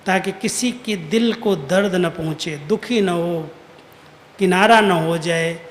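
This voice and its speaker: A man giving an earnest, admonishing spiritual discourse, quoting imagined listeners to make his points. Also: sits high. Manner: earnest, admonishing, with rhetorical quotes. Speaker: spiritual teacher. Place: large hall at a retreat. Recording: echoey hall with faint noise.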